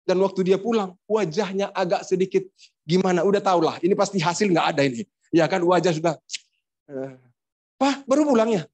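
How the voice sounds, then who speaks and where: A man's voice: high voice, steady tone, brisk, darkish tone. A man preaching a sermon as a pastor in a church, joking and acting out household dialogues between husbands and wives. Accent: Indonesian. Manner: playful, acts out household dialogues.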